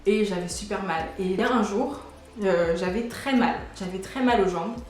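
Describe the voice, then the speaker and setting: A woman's voice: mid-range voice, moderate pace. Chatty young woman in an echoey room. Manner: chatty, many fillers and restarts. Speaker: vlogger. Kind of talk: casual storytime. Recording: very echoey room with faint noise.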